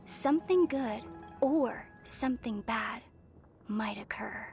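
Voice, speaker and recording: A woman voicing a gentle, thoughtful young traveller heroine in a video game, with a soft, measured, musing delivery. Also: a little high, vocal fry. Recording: music behind the voice.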